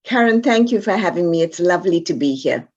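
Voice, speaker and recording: A woman's voice: lowish voice, lively intonation, a little fast, darkish tone, highs cut off. A woman from South Africa with a South African accent, speaking as an expert guest on a podcast in an emphatic, upbeat, direct way. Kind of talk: podcast interview.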